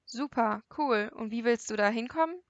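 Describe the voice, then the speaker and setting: A woman's voice: a little high, moderate pace, dry recording, highs cut off, natural voice. A woman reading the part of a cocky young man who teases with sarcastic remarks, in an audiobook. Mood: mocking. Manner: mocking, sarcastic.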